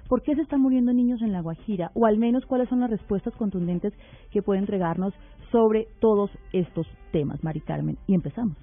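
A woman hosts a radio talk show, unhurried and deliberate as she presses her questions. Her voice comes through a narrow, phone-like band, with faint music playing underneath. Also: mid-range voice. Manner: measured, deliberate, probing questions. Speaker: radio host.

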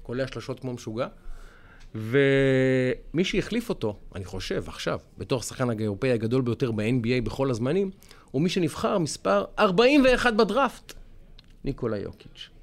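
Animated man, podcast co-host. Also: mid-range voice. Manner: animated, emphatic storytelling. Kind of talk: casual chat.

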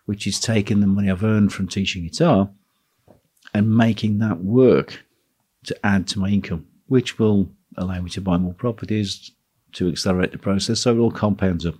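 A man hosting a solo talk on running a teaching business, speaking in a relaxed, musing way. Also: on the low side, normal speed, husky. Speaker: podcast host, guitar teacher.

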